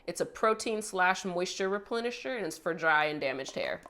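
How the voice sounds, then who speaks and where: This young beauty vlogger has a lowish, sharp-toned, expressive voice and speaks at normal speed, stuffed up from a cold. At home, she chats upbeat about her hair-care routine, explaining it step by step.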